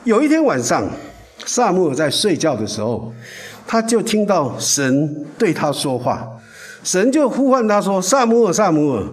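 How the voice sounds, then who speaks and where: A male pastor preaching a sermon, telling a Bible story in an animated way. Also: sits high, measured pace.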